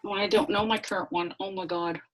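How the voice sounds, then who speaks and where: A woman's voice: medium pitch, fairly even intonation, fairly quick, background noise. A woman leading a casual online sales training on a computer mic. She is flustered and apologetic, swearing under her breath, then chatty and encouraging. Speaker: team leader presenting a sales training. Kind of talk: casual live online presentation.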